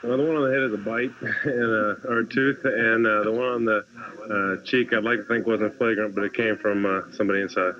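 A young college basketball player in his twenties giving a postgame interview, halting and repeating words. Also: lowish voice, fairly even intonation. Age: 20s. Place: crowded arena hallway. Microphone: handheld reporter mics. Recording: lo-fi 1990s TV clip with crowd.

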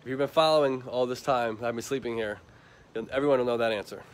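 A man hosts a casual charity livestream at an outdoor animal shelter, reading out and answering viewer comments and cooing to the dogs in a high, soothing baby voice. He's a fast talker with fairly even intonation, and the poor audio picks up wind and barking.

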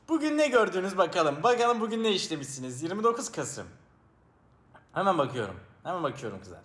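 A man chatting live with viewers in a playful, teasing way, acting as a mock teacher. He jumps between loud outbursts and low mumbling. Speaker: live streamer. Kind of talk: casual live-stream chat with viewers.

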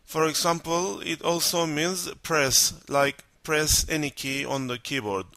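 Turkish-accented guy teaching vocab, reads word lists real slow, bright crisp voice, dry sound. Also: fairly high pitch, fairly even intonation, no room sound. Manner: slow and deliberate, reading word lists one by one. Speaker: language teacher. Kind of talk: reading out a vocabulary lesson.

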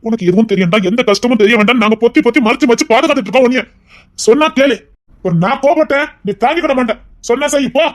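A man's voice: very high voice, rapid-fire. A man with a Tirunelveli accent playing a stern elder brother who lectures his younger brother firmly in a family drama. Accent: Tirunelveli Tamil. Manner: firm, lecturing.

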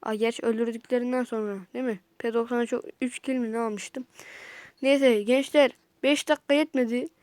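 High-voiced woman, gameplay commentary, chatty and jumpy, dry close sound. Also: fairly quick, dry recording. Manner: chatty, jokey, jumpy with sudden excited yelps. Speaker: gaming channel host.

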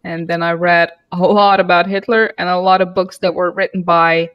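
A woman's voice: fairly low pitch, little pitch movement, moderate pace, clear, resonant tone, highs cut off. A young woman hosting a podcast interview, chatty and asking probing questions, speaking into a studio mic in a home studio. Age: young adult. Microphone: headset and studio mic.

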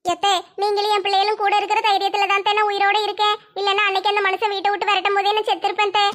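A woman's voice: extremely high pitch, little pitch movement, racing, a bit bright. A woman voicing an anxious, heartbroken young village wife, complaining plaintively.

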